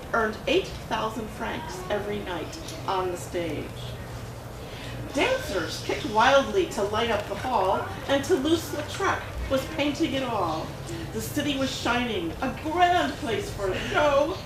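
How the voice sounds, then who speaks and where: A children's book author, a woman with a slightly high voice, gives a lively, dramatic picture-book read-aloud with expressive rhymes and bouncy emphasis. She is in an art gallery event room, and the recording is echoey, distant, and noisy.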